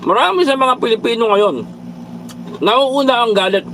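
High-voiced preachy Filipino vlogger man. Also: normal speed, fairly bright tone, a little hiss or hum, rough recording. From Philippines. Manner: preachy, repeatedly addresses viewers as brothers and countrymen; mixes English phrases into his talk. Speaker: vlogger reading viewer comments. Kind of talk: casual political commentary livestream.

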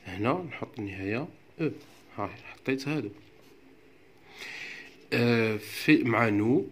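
A man's voice: lowish voice, slight background noise. A man with an Algerian Arabic accent, teaching a French grammar lesson step by step in a patient way. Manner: patient, step-by-step explaining, often checks with "d'accord".

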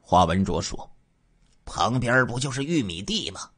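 Husky guy doing first-person crime storytelling, super expressive pitch, hushed then loud. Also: unhurried. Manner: emotional, swings from hushed to loud.

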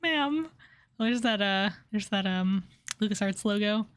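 A woman's voice: medium pitch, expressive, measured pace, smooth. A woman giving casual, playful, giggly commentary while livestreaming a game. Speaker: game streamer.

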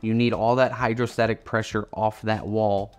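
A man's voice: on the low side, little pitch movement, normal speed, faint music behind. A man in his thirties with a Midwestern American accent, a foundation repair expert explaining things in a plain-spoken interview in an office. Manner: plain-spoken, repeats words when restarting. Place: indoor office with whiteboard.

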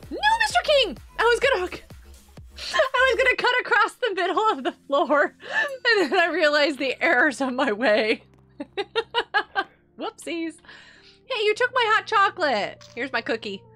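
A middle-aged woman who homeschools her kids hosts a game livestream on a headset mic, chatting, laughing and greeting viewers by name as she plays. Her voice is high-pitched, bright and forceful.

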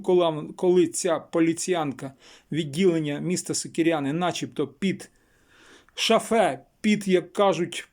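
A man from western Ukraine speaks in a fairly high voice as a local blogger. He is insistent and repeats phrases to drive home each point. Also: a little mellow. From Chernivtsi region, Ukraine. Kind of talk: emphatic local news vlog.

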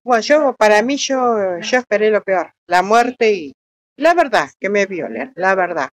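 A woman in her sixties with a Rioplatense Spanish accent, giving halting interview testimony about what happened to her, full of restarts and fillers. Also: medium pitch, big pitch swings. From Uruguay. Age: 60s. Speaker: robbery victim.

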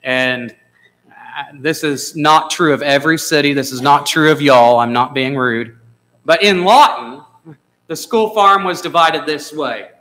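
Bright-voiced man preaching a sermon. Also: fairly high pitch, unhurried, rough recording. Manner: conversational, asks the congregation questions. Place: church sanctuary.

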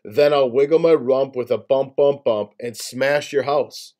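Man voicing a raspy hungry boar. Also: medium pitch, fairly even intonation, a little slow, darkish tone, close to an everyday voice. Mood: menacing. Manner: sing-song rhyming threats. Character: big hungry male boar, raspy and bullying. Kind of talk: storybook reading.

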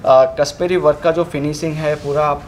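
A young man with a voice pitched slightly high explains saree fabrics and work. He talks in a steady sales pitch, pausing on fillers. The sound carries the echo of a shop room over a faint hum of background noise. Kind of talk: product demonstration. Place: fabric showroom, indoors.

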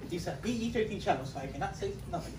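A young woman giggling and teasing her friends during a snack tasting. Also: mid-range voice. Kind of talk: casual group snack tasting. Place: small room at a table, indoors. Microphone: far camera. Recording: echoey room from far off, noisy.

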